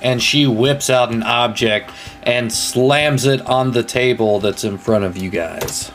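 A man's voice: mid-range voice, unhurried, fairly bright tone, soft background music. A man narrating a tabletop role-playing game as game master in a casual style.

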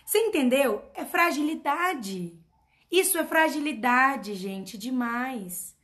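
High-voiced woman mentor. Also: animated, slow, a bit bright. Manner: emphatic, repetitive, full of rhetorical questions. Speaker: personal development mentor. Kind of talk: motivational talk to followers.

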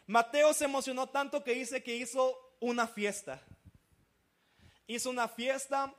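A man, a pastor preaching a sermon and telling stories with acted-out voices. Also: very high voice. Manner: animated storytelling, acting out quoted voices.

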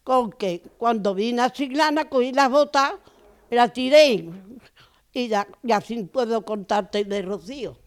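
A woman's voice: on the high side, a little slow. Older Andalusian woman telling stories. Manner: lively, acts out the voices in her stories. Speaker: interview guest. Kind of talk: anecdotal storytelling.

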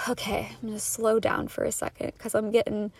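Breathless, chatty young woman, slightly high. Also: monotone, fairly quick, vocal fry, a little mellow, husky, no echo. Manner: earnest, chatty, fillers like "like" and "you know". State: a bit out of breath from talking fast. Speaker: podcast host. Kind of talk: casual solo podcast monologue.

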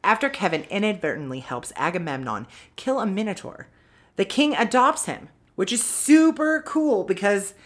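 A woman's voice: mid-range voice, big pitch swings, moderate pace. A woman co-hosting a podcast, casually recapping a film's plot, swearing freely and adding wry asides. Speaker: podcast co-host.

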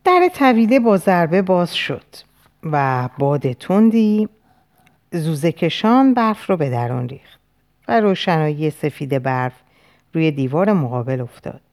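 A woman narrating a dark novel as an audiobook, slow and grave, with weighty pauses. Her voice sits low but moves widely and expressively between lines. The reading is deliberate and dramatic. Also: big pitch swings.

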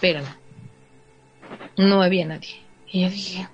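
In a fairly low, steady, unhurried voice, a woman with a Mexican Spanish accent tells a listener a story casually, acting out conversations and adding little asides with "o sea". Soft music plays behind her, and the audio is slightly dull with faint noise.

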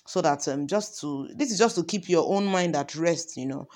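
Her voice is low and a little mellow, with a moderate pace. She's teaching parenting informally in a chatty way, posing many example questions and peppering her speech with ums and you knows.

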